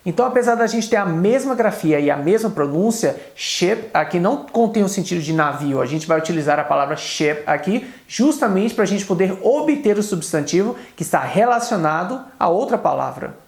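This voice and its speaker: A man with a Brazilian Portuguese accent teaching an English video lesson, explaining quickly and saying English examples slowly and carefully. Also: high voice, expressive, vocal fry, echoey room.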